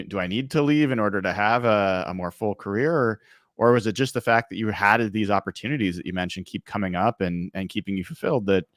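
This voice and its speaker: A podcast host with a low voice, recorded dry and close. He asks long interview questions, often restarting his sentences as he searches for words. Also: fairly bright tone, dry recording.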